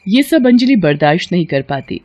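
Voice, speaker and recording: A woman narrating an animated moral story in a steady, plain storytelling manner. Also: lowish voice, moderate pace, highs cut off, slight background noise.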